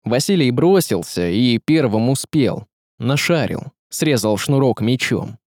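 A man reading an audiobook with lively, dramatic storytelling. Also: mid-range voice, a little slow, no echo, studio quality. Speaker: audiobook narrator. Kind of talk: scripted audiobook narration.

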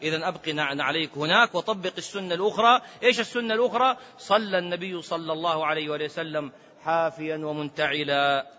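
A man, a sheikh giving a lively religious lesson, switching between everyday speech and chanted quotations. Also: on the high side, quick pace. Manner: lively, mixes colloquial Arabic with quoted scripture, chants some phrases. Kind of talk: sermon-style religious lesson. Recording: lo-fi recording in a reverberant hall.

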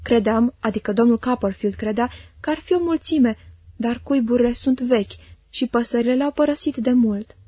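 A woman voicing a timid, frail young widowed mother in an audiobook, speaking softly and plaintively. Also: fairly high pitch, slightly rough, no echo, studio quality. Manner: soft, plaintive, fearful. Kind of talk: audiobook reading.

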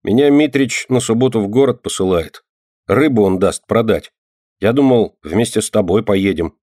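A man reading an audiobook and voicing a proud, rough street boy who scolds loudly. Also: lowish voice, moderate pace, no echo, clean studio sound, close to an everyday voice. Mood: earnest. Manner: gruff, scolding, loud.

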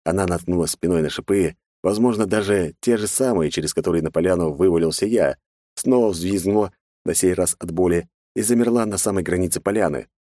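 Deep-voiced male audiobook narrator. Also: brisk, mellow, no echo, clean studio sound. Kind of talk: first-person audiobook narration.

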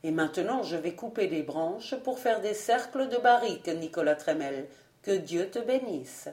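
A woman voicing a strange young albino man who speaks gently and sadly, in a roomy-sounding audiobook. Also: on the low side, lively intonation, moderate pace, lightly acted. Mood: earnest. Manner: gentle, melancholy. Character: young albino man, wild, soft and melancholy.

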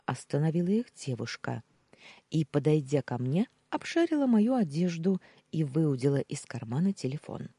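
A woman reading a first-person audiobook in a steady, unhurried storytelling manner. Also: low-pitched, slightly rough, dry recording. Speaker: audiobook narrator.

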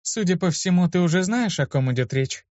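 A man's voice: high-pitched, animated, brisk, darkish tone, no room sound, pitched above the performer's own voice. Man voicing a hot-tempered young woman healer. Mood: flustered. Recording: dull lo-fi dry recording.

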